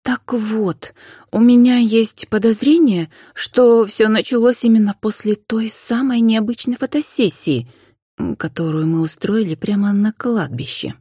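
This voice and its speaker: A woman voicing a frightened young woman who speaks in a hushed, trembling voice. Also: fairly high pitch, normal speed, hardly any pauses, husky, no room sound, studio quality, voice pushed up. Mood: pleading.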